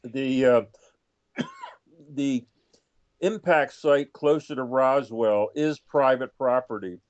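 A man answers interview questions casually and haltingly. His voice is smooth and mid-pitched, unhurried, on a slightly muffled radio feed. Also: dry recording. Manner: halting, deliberate. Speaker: author guest on radio show. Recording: dull dry lo-fi feed.

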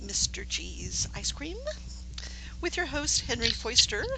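A woman's voice: a little high, sing-song, slow, vocal fry, poor audio. A woman hosting a live radio show in a casual, chatty way.

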